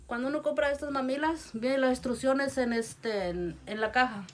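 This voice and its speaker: Mother, gentle coaxing home-video talk, filmed on a phone, voice a bit high. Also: moderate pace. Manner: soft coaxing, repeats endearments to the baby. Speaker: mother feeding her baby. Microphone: phone held by someone else.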